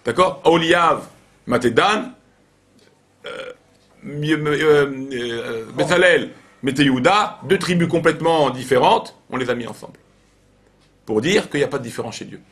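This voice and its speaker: Man, rabbi, informal Torah lesson, animated storytelling, repeats phrases. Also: fairly high pitch, unhurried.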